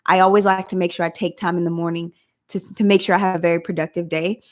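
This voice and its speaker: A woman's voice: fairly low pitch, flat delivery, fast talker. Chatty woman with a country drawl. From Southeast Oklahoma. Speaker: vlog host. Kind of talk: casual live chat.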